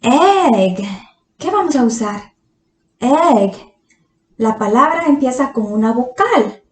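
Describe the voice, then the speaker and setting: Woman, English teacher, patient, slightly high voice, echoey room. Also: expressive. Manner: patient, drawn-out explanations with quiz questions to students. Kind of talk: slow grammar lesson for Spanish speakers.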